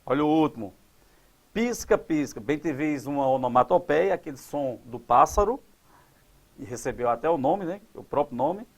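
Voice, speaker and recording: A man teaching grammar at a board, quizzing his class and drawing out example words slowly. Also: fairly high pitch, expressive. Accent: Brazilian Portuguese. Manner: didactic, asks the class questions and answers them.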